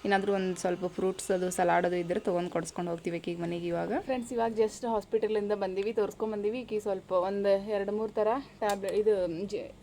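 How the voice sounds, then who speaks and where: A woman's voice: medium pitch, level tone, fast talker, gravelly, hardly any pauses, dark tone, a little hiss or hum. A young woman with a North Karnataka Kannada accent, narrating a casual daily vlog to viewers and coaxing her sick child in a raised, singsong voice. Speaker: vlogger, mother of a sick child. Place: home and juice shop.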